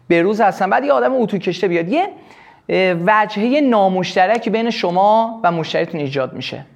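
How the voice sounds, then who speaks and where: A man teaching a live sales workshop, explaining with quick acted examples. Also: high voice, gravelly. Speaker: sales trainer.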